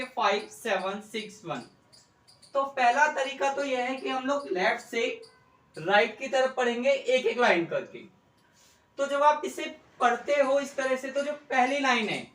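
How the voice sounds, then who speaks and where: A man's voice: extremely high pitch, sharp tone. A man gives a methodical, step-by-step maths lecture as a tutor, going over each point more than once. His voice sits a little away from the microphone. The room around him is roomy and echoing. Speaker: economics tutor. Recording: roomy, mic set at a distance.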